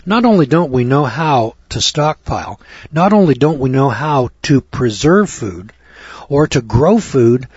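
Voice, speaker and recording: An older man from the United States, his medium-pitched voice a little mellow with a breathy edge, reads scripture aloud in a folksy sermon. He keeps breaking off into blunt, crude, scornful remarks. The audio is dull with no echo.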